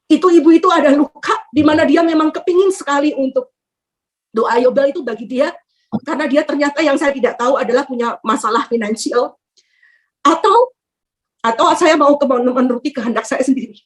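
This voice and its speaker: High-voiced older woman giving a testimony. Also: brisk. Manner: animated, acts out prayers, laughs and hesitates often. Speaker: church member sharing a testimony. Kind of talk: emotional personal testimony. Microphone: video call.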